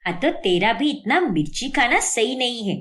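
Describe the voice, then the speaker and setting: A stern, shrill middle-aged mother-in-law in a cartoon story, voiced by a woman. She scolds constantly, her voice rising high and swooping widely. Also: expressive, normal speed, a bit bright. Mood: scolding.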